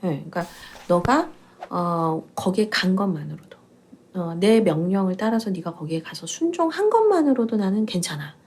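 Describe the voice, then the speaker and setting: A woman's voice: mid-range voice, big pitch swings, normal speed, darkish tone, a little hiss or hum. A woman pastor giving a chatty, playful Bible teaching talk, asking her listeners questions along the way.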